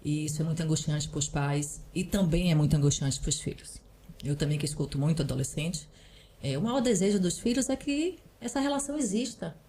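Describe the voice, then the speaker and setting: A woman's voice: fairly low pitch, mellow, a little hiss or hum. A woman, a parental counselor, explaining earnestly in a podcast conversation and often adding small tag questions. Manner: earnest, advising, often adds "né". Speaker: parental counselor and psychoanalyst guest.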